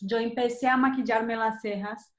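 Seated at a desk in a small room, a woman in her thirties from Colombia hosts a live makeup session on her webcam, which sits at desk distance. She speaks at a moderate pace in a steady, slightly high voice with a Colombian accent, chatting casually and tagging questions with "¿sí?".

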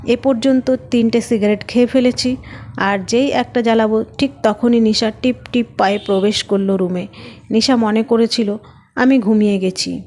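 A woman narrating a scripted first-person story with a steady, even reading. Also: a little high, moderate pace.

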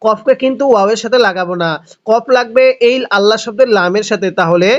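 A man teaching Quran reading, who recites the verses slowly, syllable by syllable, and adds quick spoken explanations. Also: high-pitched, muffled recording. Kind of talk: slow spelled-out Quran recitation lesson.

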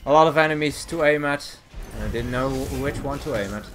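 A man hosting his gaming channel, giving casual play-by-play commentary with frequent chuckles and quick self-corrections. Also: medium pitch. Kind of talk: live gameplay commentary. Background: game music.

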